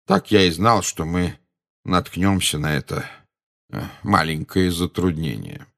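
A man voicing a calm, genial old wizard who speaks slowly and with quiet amusement. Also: low-pitched. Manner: slow, unhurried, gently amused.

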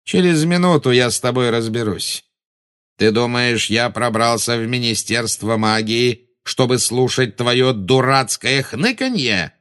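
A man reading a storybook and voicing a cold, menacing male dark wizard who snarls his words with contempt. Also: medium pitch, very animated, takes it slowly, exaggerated voice.

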